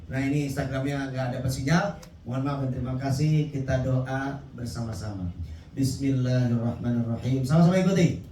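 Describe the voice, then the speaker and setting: A man preaching a sermon to a live crowd, emphatic, with his voice rising high when he calls out to the audience. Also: level tone, normal speed, warm tone, reverberant, distant mic, slight background noise, poor audio. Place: event hall.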